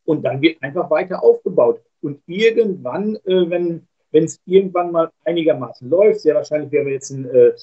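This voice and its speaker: A man's voice: a little high, expressive, fairly quick, few pauses. A man talking as a guest pundit over a poor internet stream, explaining earnestly with many hesitations. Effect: poor internet stream audio. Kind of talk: remote talk show discussion. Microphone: remote call mic. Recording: lo-fi muffled online call.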